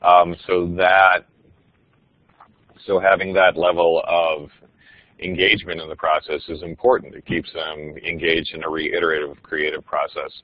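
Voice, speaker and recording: Man teacher, deep voice, casual enthusiastic webinar talk, frequent ums, dull lo-fi computer mic. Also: flat delivery, normal speed, no echo. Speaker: teacher presenting on puppets. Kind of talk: webinar presentation.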